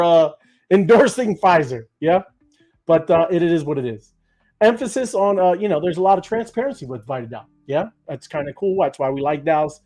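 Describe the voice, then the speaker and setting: A man's voice: high voice, a little mellow. A man co-hosting a crypto livestream, rambling in casual chat with many fillers and restarts. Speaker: crypto show co-host.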